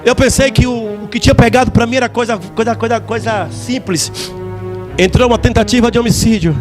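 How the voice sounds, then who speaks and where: High-voiced Brazilian man giving fervent testimony. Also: fairly even intonation, fairly quick, over music. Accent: Brazilian Portuguese. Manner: fervent, preacherly, stretches words and shouts at peaks. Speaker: testimony speaker in church. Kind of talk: emotional church testimony. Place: church service.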